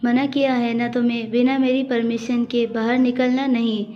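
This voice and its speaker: A woman's voice: a little high, level tone, normal speed, lightly acted. A woman voicing a harsh, domineering young husband who speaks in a stern, commanding way. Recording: dull audio with faint music.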